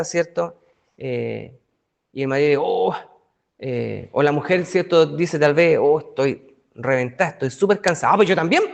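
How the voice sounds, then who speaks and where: A man leads a Bible study in a relaxed, conversational tone. His voice sits fairly high for a man, and he keeps turning to his listeners with rhetorical questions. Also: gravelly. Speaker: pastor.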